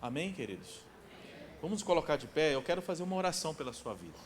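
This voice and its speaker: A man in his forties preaching a sermon as pastor in a church, emphatic, repeating key phrases and dropping to a soft pleading tone. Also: a little high, very animated, very fast, slight background noise. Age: 40s. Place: church sanctuary.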